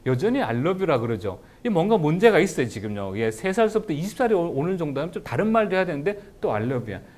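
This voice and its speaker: A man giving a lively lecture to teachers on how to teach English writing, slowing right down to spell out example sentences. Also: a little high. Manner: animated, shouts example phrases, slows down for English sentences.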